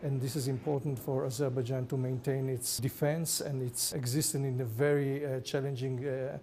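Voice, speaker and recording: A man with an Israeli accent giving formal, halting interview answers as an ambassador. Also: medium pitch, flat delivery, mellow. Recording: clear background noise.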